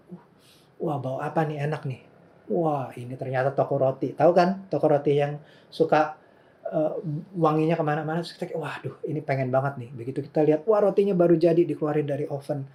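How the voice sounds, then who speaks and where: A man's voice: fairly high pitch, warm tone. A male pastor in his thirties from Indonesia, preaching a sermon in a casual, conversational way and slipping English phrases in.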